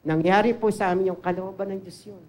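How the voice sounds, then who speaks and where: A man's voice: high-pitched, steady tone, quick pace, darkish tone. An older man with a Filipino accent preaching a sermon and sharing a personal testimony, switching between Tagalog and English and lifting his voice sharply for emphasis. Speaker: pastor.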